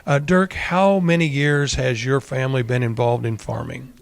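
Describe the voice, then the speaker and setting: A man's voice: mid-range voice, fairly even intonation, normal speed, gravelly, dry recording. A man hosting a radio interview, putting questions to a guest. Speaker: host, interviewer.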